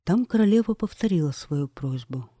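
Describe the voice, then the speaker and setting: Male fairy-tale reader, mellow and slightly high, dry close mic. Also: normal speed, no echo. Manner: gentle, expressive fairy-tale telling. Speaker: narrator. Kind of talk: storybook reading.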